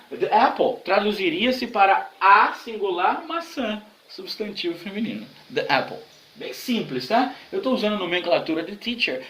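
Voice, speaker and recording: Animated Brazilian man teaching English grammar. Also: high-pitched, reverberant, poor audio. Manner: explains patiently, repeats examples, checks in with tags like "tá?". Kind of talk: online grammar lesson.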